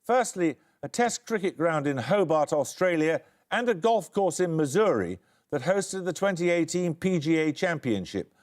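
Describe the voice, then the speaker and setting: A man hosting a quiz show, reading questions crisply and giving dry, wry introductions. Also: fairly high pitch, expressive, normal speed, a little mellow. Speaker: quizmaster.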